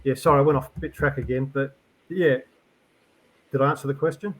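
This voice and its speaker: A middle-aged man, a podcast guest, talking reflectively in a rambling, halting way full of fillers and restarts. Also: medium pitch, steady tone, low-quality recording. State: tearful. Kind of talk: reflective conversational interview.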